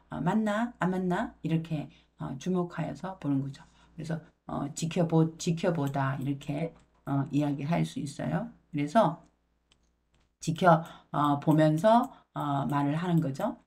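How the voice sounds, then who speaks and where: Low-voiced woman teaching the Bible. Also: a little mellow. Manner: explains verse words, paraphrases them into everyday talk; halting, unhurried delivery. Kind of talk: Bible lesson in a sermon tone.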